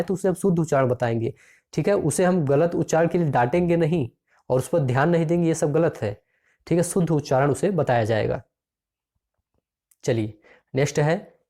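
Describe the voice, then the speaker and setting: Male exam-prep tutor, warm mellow tone, reads each question and its options, then drills the answer. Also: a little high. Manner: addresses listeners as friends.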